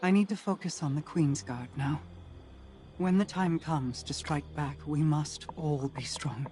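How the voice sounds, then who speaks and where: An actress playing an ancient, regal woman in a video game, solemn, formal and sorrowful in measured phrases. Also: deep voice, warm tone. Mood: solemn grief. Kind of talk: dramatic video game acting.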